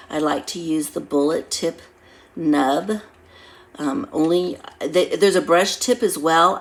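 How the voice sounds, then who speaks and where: A low-pitched woman teaches a craft class in a casual, step-by-step way. Her voice is congested and nasal, as if her nose is blocked by a cold. There is some background noise on the recording. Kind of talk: casual demonstration, talking through each step.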